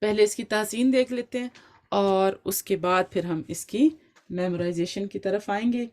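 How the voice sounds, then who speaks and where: A woman's voice: mid-range voice, a little mellow. A woman teaching Quran recitation in an online class, with speech, explaining step by step and checking in often with her students.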